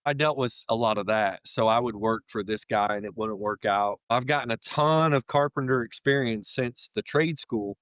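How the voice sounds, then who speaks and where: A man's voice: mid-range voice, moderate pace, hardly any pauses, fairly bright tone, clean tone, no echo. A man in his thirties from Florida with an American accent, chatting casually and in a rambling way as an interview guest. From Florida, United States. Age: 30s. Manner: rambling, informal, conversational. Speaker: interview guest, union carpenter.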